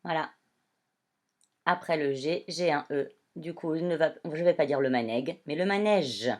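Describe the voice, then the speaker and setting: A woman primary school teacher giving a reading lesson to young children, speaking slowly and clearly as she addresses them. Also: low-pitched, steady tone, darkish tone.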